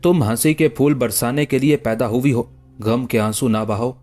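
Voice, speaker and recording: A man's voice: medium pitch, fairly even intonation, moderate pace, darkish tone, faint music behind, lightly acted. A man reading the lines of a lovesick, anguished young man in an audiobook story. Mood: pleading.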